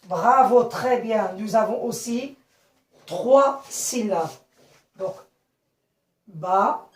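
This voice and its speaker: A woman teaching young children a phonics lesson, speaking slowly and clearly, repeating and spelling out words and often checking they follow. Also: a little high, a little mellow. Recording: echoey room, voice from a distance.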